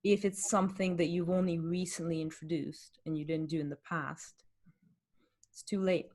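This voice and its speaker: A woman's voice: fairly low pitch, steady tone, moderate pace, a little mellow. A woman, a fitness coach hosting a podcast, chatting candidly and explaining things with rhetorical questions. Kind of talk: casual podcast chat.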